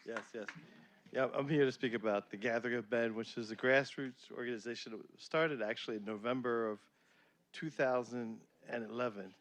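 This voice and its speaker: A man speaking as president of a community group, halting and repeating words as he addresses a school board meeting. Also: mid-range voice, fairly bright tone. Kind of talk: public address.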